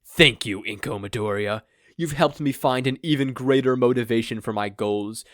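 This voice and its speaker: In a fan fiction reading, a man plays a grandiose, self-deluded male supervillain, delivering his lines in a pompous, melodramatic, wordy style with gleeful menace. His voice is medium-pitched at a moderate pace, lightly acted, with clean studio sound and no room sound.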